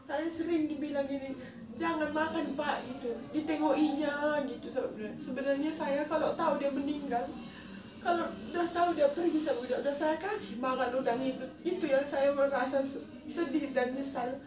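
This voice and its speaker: A woman in her thirties telling a personal story in a halting, emotional way. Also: high-pitched, fairly even intonation. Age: 30s. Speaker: vlogger. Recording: echoey distant mic with noisy ambience.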